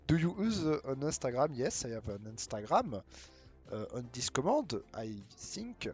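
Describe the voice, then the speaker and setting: This Frenchman jokes around with his audience during a live mobile-game stream, his mid-pitched voice swinging widely up and down. Switching into English, he stumbles along with a thick French accent, while quiet music hums in the background.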